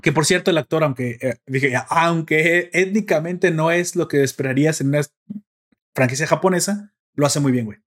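A man's voice: fairly high pitch, moderate pace, fairly bright tone. Slangy, joking Mexican man. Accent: Mexican Spanish. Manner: slangy, joking, says güey constantly. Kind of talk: casual chat.

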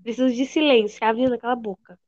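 A young woman, telling embarrassing stories in animated casual chat and acting out the quotes. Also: fairly high pitch, quick pace, no room sound. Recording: dull lo-fi dry sound.

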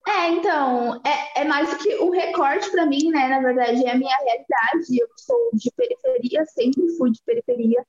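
A woman's voice: high voice, lively intonation, normal speed, hardly any pauses, reverberant, dull audio. A woman in her twenties from Bahia with a Bahian accent, chatting casually and laughing easily as a podcast guest. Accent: Bahian Portuguese. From Bahia, Brazil. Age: 20s. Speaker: guest, activist. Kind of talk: casual interview talk.

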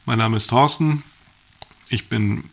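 A man in his sixties, a podcast guest who speaks in a measured, reflective way. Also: mid-range voice, creaky, a bit bright. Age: 60s. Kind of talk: conversational interview answers.

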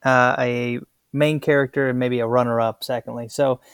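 Even-toned man chatting inside a closet. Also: medium pitch, normal speed, smooth, no room sound, clean studio sound. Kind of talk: casual podcast chat.

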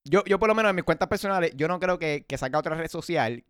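A man's voice: on the high side, animated, fast talker, fairly bright tone, clean tone, no room sound, studio quality. A young man with a Puerto Rican accent, co-hosting a casual podcast chat, loose and profane, often stumbling over his words. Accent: Puerto Rican Spanish. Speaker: podcast co-host.

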